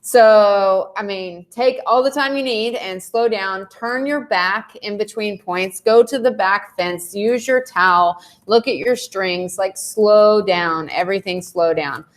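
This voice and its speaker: Speaking at a measured pace with hardly any pauses, a woman with a medium-pitched voice coaches tennis and walks a casual live panel through match strategy. Lots of "um" and "like" fill her explanation.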